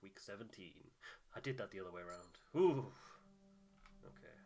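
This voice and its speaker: A gamer chats casually over his playthrough, muttering and reasoning out loud as he makes decisions. He speaks at a normal speed in a warm, lowish voice.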